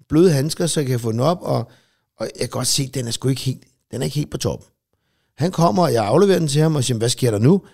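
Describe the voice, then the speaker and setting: Swearing freely, this middle-aged podcast co-host wanders through long anecdotes in relaxed chat. He has a medium-pitched, creaky voice with a darkish tone.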